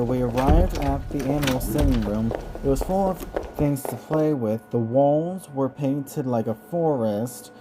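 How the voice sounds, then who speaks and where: Give me a slow-reading man narrating a homemade audiobook. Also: mid-range voice, warm tone, low-quality recording. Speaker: amateur audiobook reader. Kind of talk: first-person story narration.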